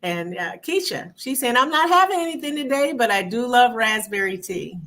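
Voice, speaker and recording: Upbeat woman co-host, bright voice, a little higher-pitched, reads out viewer comments. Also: lively intonation, moderate pace. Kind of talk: livestream hosting.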